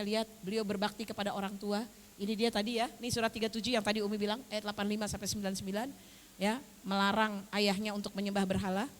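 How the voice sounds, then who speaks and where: An older woman with an Indonesian accent giving a storytelling religious lecture to a women's group, animated and acting out the voices in her story. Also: medium pitch. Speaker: religious teacher. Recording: hall reverb with faint hiss.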